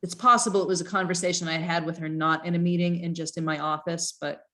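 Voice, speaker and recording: A woman with a notably low voice works through planning regulations in a meeting, reading clauses aloud and stopping to puzzle over them. She hesitates, restarts and fills pauses, and comes through a video call. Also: steady tone, fairly bright tone. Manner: thoughtful and hesitant, many fillers and restarts. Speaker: town planning staff leading a commission review.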